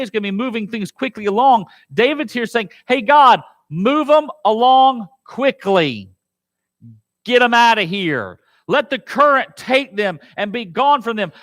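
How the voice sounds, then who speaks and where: A man preaching a sermon as pastor, animated and dramatic, quoting scripture and asking the congregation questions. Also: high voice. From United States. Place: church.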